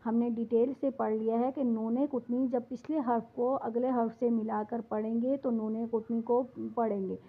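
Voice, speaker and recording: A woman with a Pakistani Urdu accent explains Quran recitation rules quickly, then slows into long, chanted examples. Her voice sits fairly high. The sound is tinny and thin, like a phone line. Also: level tone. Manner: drawn-out chanted recitation between brisk explanations. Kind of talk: tajweed lesson with slow recited examples.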